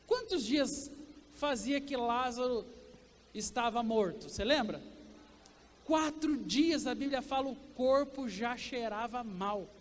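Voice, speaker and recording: A Brazilian man preaching a sermon as pastor, asking the congregation questions and swinging between loud and quiet. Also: extremely high pitch, long reverb tail. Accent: Brazilian Portuguese. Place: church sanctuary.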